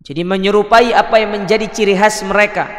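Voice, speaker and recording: A man teaching a religious study lecture in a measured way, his voice carrying a heavy cathedral-like echo. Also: sits high, fairly even intonation. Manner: measured, checks with audience, recites Arabic. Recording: echoey hall with long reverb.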